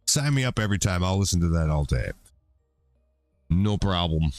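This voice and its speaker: A middle-aged man with a lowish voice talks through a gaming stream in a loose, rambling way, dropping profanity casually. The sound is dry and close, with no room echo. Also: lively intonation, moderate pace, darkish tone, faint music behind. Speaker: game streamer. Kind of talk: casual chat while gaming.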